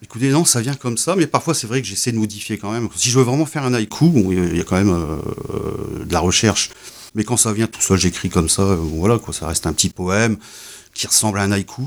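A man's voice: lowish voice, animated, fairly quick. A middle-aged man, a poet interviewed about his work, who talks hesitantly with many fillers and repeated words. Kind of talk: casual interview talk.

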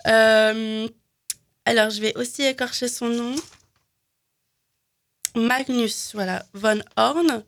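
A woman's voice: fairly high pitch, steady tone, slow pace, pauses often, fairly bright tone, slight background noise. A woman recommending films in casual chat, talking with many fillers and restarts. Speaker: film recommendation guest. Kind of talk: casual radio film chat.

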